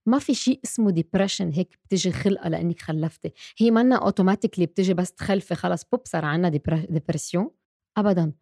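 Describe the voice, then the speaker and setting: A woman's voice: mid-range voice, dark tone, no echo, studio quality. A woman with a Lebanese accent, talking to mothers in an earnest, direct way and repeating words for stress. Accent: Lebanese Arabic. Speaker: podcast host. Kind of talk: casual personal talk to mothers.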